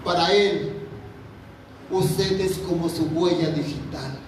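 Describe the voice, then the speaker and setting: In a church, a man with a fairly high-pitched voice preaches a fervent sermon slowly to his congregation, repeating phrases as he addresses them. The mic is far away in a very echoey hall, and a little hiss or hum can be heard.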